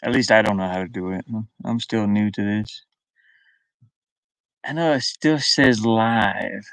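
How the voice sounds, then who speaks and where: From inside a van, a middle-aged man livestreams over a webcam mic, chatting casually with viewers and muttering to himself in short, broken phrases. His lowish voice is clear and resonant, a bit bright, at a measured pace. The recording is dry but low quality.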